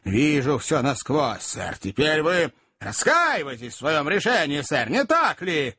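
A man reading aloud and voicing a furious, jealous middle-aged gentleman who shouts and sneers sarcastically. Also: fairly high pitch, wildly swooping pitch, unhurried, breathy edge, heavily acted. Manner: sarcastic, shouting, repeats "sir" menacingly.

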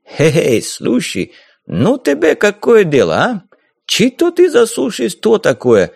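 A man's voice: sits high, huge pitch swings, a little slow, dry recording, clean studio sound, pitched above the performer's own voice, heavily acted. A man voicing a hairy, hook-nosed male corsair who talks in a guttural, broken, bullying way in an audiobook. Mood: blustering.

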